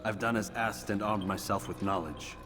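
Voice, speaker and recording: A man playing a confident, calculating assassin in a video game, speaking in a measured way. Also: lowish voice, fairly even intonation, over music, natural voice. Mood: coolly confident. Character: confident, calculating male assassin reporting his plan. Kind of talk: video game character acting.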